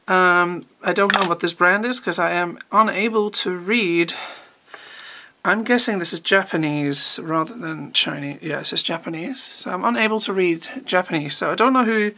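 A woman art teacher chatting casually and eagerly as she unboxes art supplies, thinking out loud as she goes. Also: on the low side. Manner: chatty and enthusiastic, thinking aloud.

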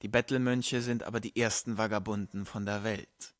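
Man reading sly jester, mocking, mock-solemn; low voice, dry close audiobook. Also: fairly even intonation, moderate pace, no echo, natural voice. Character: sharp-witted male table jester.

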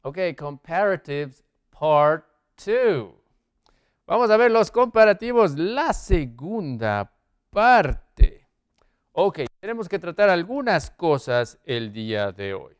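A male English teacher runs a classroom lesson in a slightly high, smooth voice, speaking slowly with big swings in pitch. He checks in with his students often, tossing out "¿sí?" and "¿ok?", and moves around while writing on the board.

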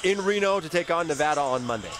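A man host asking a coach brisk, leading postgame questions. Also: a little high, animated, music in the background. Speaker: radio play-by-play host. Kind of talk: postgame interview.

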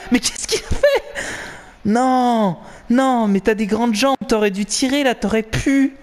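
A young man giving excited, swearing live commentary while playing a football video game. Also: fairly high pitch. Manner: animated, swearing, cheering and groaning at the match. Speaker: gaming commentator.

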